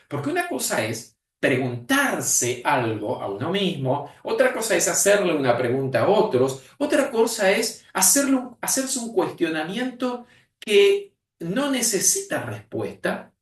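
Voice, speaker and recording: A man with an Argentine accent teaching a communication skills class in a lecturing style, expressive and often repeating key phrases for emphasis. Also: a little high. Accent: Argentine Spanish. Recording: echoey room, mic at a distance.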